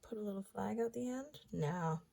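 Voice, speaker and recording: Chatting through a card-making demonstration, this woman thinks aloud while she works and drops into quiet asides. She has a gravelly, mid-range voice with lively intonation and speaks at a normal speed.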